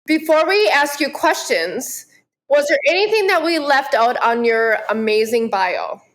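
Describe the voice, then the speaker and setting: A woman with a somewhat high voice co-hosting a podcast. She introduces the guests in a playful, teasing manner. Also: lively intonation, a little slow, a bit bright. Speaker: podcast co-host.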